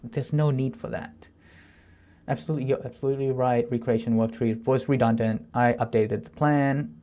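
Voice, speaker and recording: A Thai software developer in his thirties streams himself coding, thinking aloud and reading plan text in a mid-pitched, fairly evenly intoned voice. He mumbles half to himself, and when nervous he turns halting, stumbling over words and restarting, with soft murmured asides while reading.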